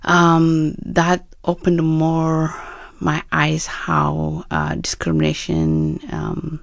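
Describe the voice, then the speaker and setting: A woman from Ethiopia in her fifties with an Ethiopian accent, a radio interview guest who speaks in a measured, hesitant way with many pauses. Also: low-pitched, vocal fry, dry recording, studio quality. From Ethiopia (Oromia). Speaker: guest, author and nonprofit founder.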